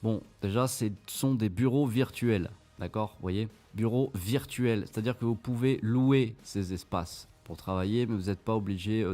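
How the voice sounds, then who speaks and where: A man's voice: lowish voice, darkish tone. Sarcastic French-speaking man mocking on screen. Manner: mocking, sarcastic, swears casually. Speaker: channel host reviewing an investment scheme. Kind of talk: screen-share commentary.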